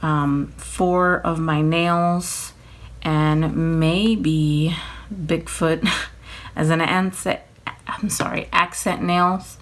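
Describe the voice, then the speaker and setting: A tired woman chatting casually through a nail-kit unboxing at home, rambling, apologizing and filling pauses with ums. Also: deep voice, fairly even intonation. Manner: rambling, apologetic, many fillers, laughs often. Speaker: nail vlogger.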